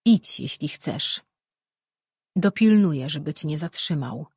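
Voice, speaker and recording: A narrator voicing a grave, calm female sorceress in a fantasy audiobook, speaking in a low, measured murmur. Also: husky, no room sound, studio quality.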